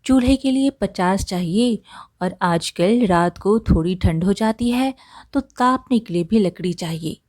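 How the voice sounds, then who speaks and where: Gentle, caring young storybook bride, voiced by a woman; slow and dry-sounding. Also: mid-range voice, no echo, close to an everyday voice. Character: kind young village daughter-in-law.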